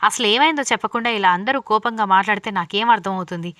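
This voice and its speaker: A woman's voice: medium pitch, quick pace, a bit bright, dry recording, clean studio sound, close to an everyday voice. A woman voicing a stern middle-aged mother who scolds her daughter. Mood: frustrated.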